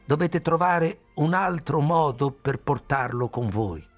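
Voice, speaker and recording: A man reading aloud, voicing a brusque mechanic who speaks forcefully and scornfully in a raised voice. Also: a little high, lively intonation, takes it slowly, voice pushed up. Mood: insistent.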